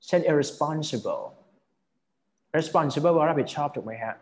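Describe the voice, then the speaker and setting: A man's voice: a little high, expressive, slow pace. A man teaching an English vocabulary lesson, explaining word by word and often checking that his students follow.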